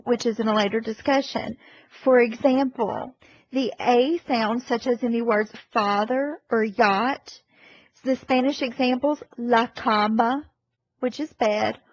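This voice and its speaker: A woman narrating a slide presentation as a language teacher, speaking slowly and carefully. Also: a little high, dry recording. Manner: slow, careful, over-articulated. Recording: dull lo-fi voice-over.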